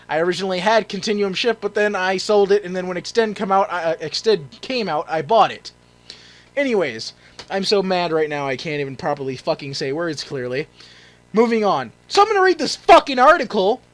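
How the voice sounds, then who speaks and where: A gaming YouTuber ranting angrily in a vlog, swearing often and bursting into shouts. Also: male voice, high-pitched, low-quality recording.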